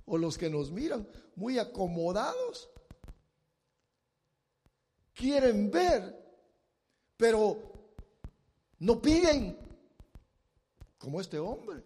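A man's voice: high voice, sing-song, drawn-out words, long pauses, husky, long reverb tail. A man preaching a sermon in a dramatic style, acting out scenes and pleading voices as he speaks. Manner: dramatic, acts out the blind man's shouted pleas.

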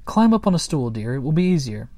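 A man voicing a warm, practical mother troll who speaks in a brisk, soothing way. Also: on the high side, very animated, pitched above the performer's own voice.

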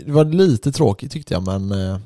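A man's voice: on the low side, dry recording, studio quality. A young man, co-hosting a podcast, reacting casually and teasing his friend. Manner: relaxed listener, short reactions, teasing remarks. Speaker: podcast co-host. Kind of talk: casual chat.

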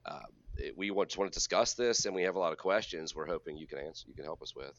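A man's voice: deep voice, fast talker, highs cut off. A man co-hosting a podcast in a casual, upbeat and joking way. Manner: upbeat, jokey. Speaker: podcast co-host.

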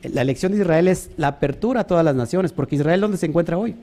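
A man preaches. His voice sits a little high, and he talks in an animated way, throwing out rhetorical questions and mimicking other people as he goes. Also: fast. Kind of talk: sermon.

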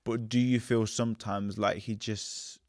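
A man's voice: lowish voice, flat delivery, a little slow, no echo, clean studio sound. A man with a British accent asking questions as a casual, conversational interviewer.

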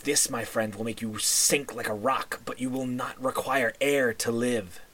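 A man's voice: medium pitch, steady tone, a little slow, fairly bright tone. A man voicing a shady, snide fish-faced potion seller in a tabletop game, with flowery, obsequious sales talk. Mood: boastful, oily. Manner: sly, obsequious salesman with flowery, formal phrasing. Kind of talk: tabletop role-play.

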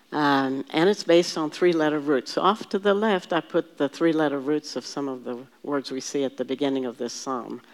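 Woman teaching bible study, patient, lots of restarts, has the class repeat words. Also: low-pitched. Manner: patient, explains word by word, leads the group in repeating terms; thinks aloud with frequent restarts and fillers.

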